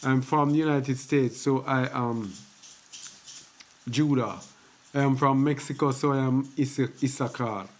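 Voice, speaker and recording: Man, religious teacher, slow delivery, repeats phrases, conversational. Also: medium pitch, fairly even intonation. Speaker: host of a faith teaching channel.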